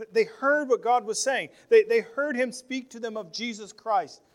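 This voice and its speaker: In a very high voice and at an unhurried pace, a pastor preaches a sermon with earnestness. He often restarts, repeating words, and alternates between loud stressed phrases and soft asides.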